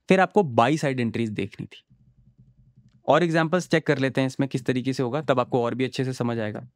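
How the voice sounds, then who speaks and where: A man's voice: on the high side, no room sound, studio quality. A man teaching chart in a casual, chatty way, often checking that the viewer follows and telling them not to worry. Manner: chatty, reassuring, asks the viewer "samjhe?". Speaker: trading teacher. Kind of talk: casual screen-share chart tutorial.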